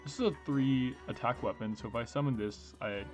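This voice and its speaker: Male gamer, medium pitch, casual commentary, thinking aloud, hesitant explanations, game music behind. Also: brisk. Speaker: gamer, host.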